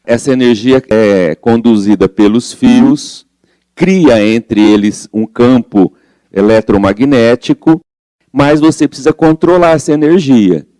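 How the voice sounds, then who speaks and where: A man's voice: mid-range voice, measured pace, mellow, no echo. A man leading a study group, explaining a spiritual book and reading passages aloud in a conversational way that asks the group questions.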